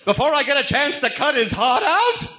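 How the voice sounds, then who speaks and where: Manic high-pitched Joker. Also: male voice, very animated, moderate pace, pushed and bright, exaggerated voice. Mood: indignant, scheming. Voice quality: high, swooping voice. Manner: whiny, theatrical indignation. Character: manic, petulant supervillain clown, a cartoonish Joker. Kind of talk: comic-book radio drama acting.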